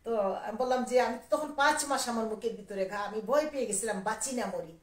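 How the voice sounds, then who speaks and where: A woman poet from Sylhet tells her memories in a loose, animated way, often slipping into quoted dialogue. Her voice sits a little high. She sounds set back from the mic in an echoey room. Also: a little fast, distant mic. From Sylhet, Bangladesh. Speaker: poet and writer. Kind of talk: casual reminiscing monologue on a live video.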